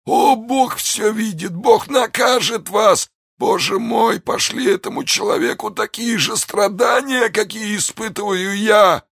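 A man voicing a poisoned young soldier dying in agony, crying out shrill accusations. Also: a little slow, vocal fry, fairly bright tone, slightly rough, no room sound, clean studio sound, heavily acted. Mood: anguished accusing. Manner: shrill desperate accusing cries. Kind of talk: audiobook character voice.

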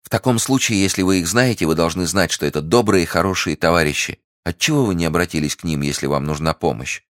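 A man's voice: low-pitched, fast talker, a bit bright, no room sound, studio quality, voice pushed up. Man doing a timid young novice. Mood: eager. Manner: earnest, trusting, easily startled. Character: timid, devoted young convent novice in love.

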